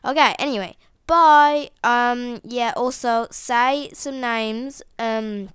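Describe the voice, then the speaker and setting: A teen toy video maker, sniffly from a cold, chats in a rambling outro at home through a headset mic, filling it with fillers and restarts. Her voice is on the high side and fairly bright, and she speaks slowly. The sound is clean and studio quality, with no room sound.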